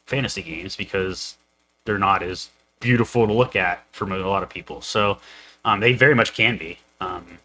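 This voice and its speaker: A man's voice: sits low, normal speed, pushed and bright, low-quality recording. A young man co-hosting a casual podcast chat, rambling with lots of fillers and restarts. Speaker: co-host, game master.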